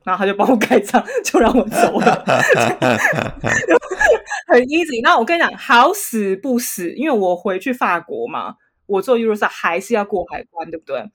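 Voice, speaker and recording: A young woman with a Taiwanese Mandarin accent, co-hosting a podcast and telling a travel story in casual, animated chat. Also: mid-range voice, moderate pace, breathy edge. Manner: animated, laughs often while telling stories. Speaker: podcast co-host.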